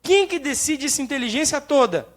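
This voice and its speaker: A young man with a Brazilian Portuguese accent giving a lively, joking sermon talk at church. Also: very high voice, a little fast. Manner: lively, jokes and acts out quoted prayers. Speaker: church speaker.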